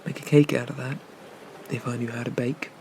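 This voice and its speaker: A man playing a flirty, teasing, gentlemanly pirate captain in an ASMR ASMR role-play, with gravelly, murmured delivery. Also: medium pitch, flat delivery, fairly quick, slight background noise, close to an everyday voice, rough recording. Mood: amused, musing. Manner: leisurely, teasing, roguish, murmured asides.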